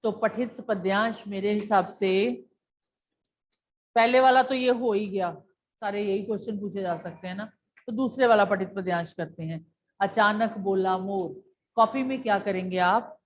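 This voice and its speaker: A school teacher with a medium-pitched voice and measured pace explains a poem to her class. She patiently repeats the key points and asks questions that she then answers herself.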